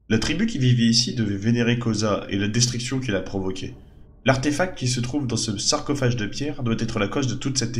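A man's voice: medium pitch, natural voice. A man voicing an earnest, learned excavator who explains things formally in a fantasy video game. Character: earnest male scholar excavating ruins, sober, learned.

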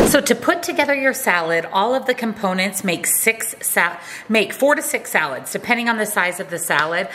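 A woman's voice: mid-range voice, fairly bright tone, a little hiss or hum. A woman hosting a cooking channel, talking viewers through a meal prep step by step in a friendly voice-over.

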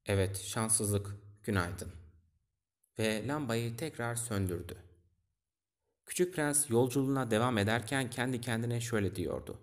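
A man narrating a children's storybook audiobook in a calm, steady reading voice. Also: mid-range voice, moderate pace.

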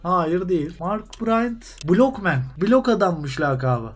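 A young man with a fairly high voice rambles through his own basketball gameplay. He jokes and muses aloud as he weighs player after player. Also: animated, takes it slowly. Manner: rambling, jokey, talks to himself while choosing players. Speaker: gaming YouTuber. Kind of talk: joking gameplay commentary.

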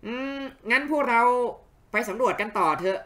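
A man doing a high, chirpy game companion. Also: animated, moderate pace, sharp tone. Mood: coaxing. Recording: faint game music behind.

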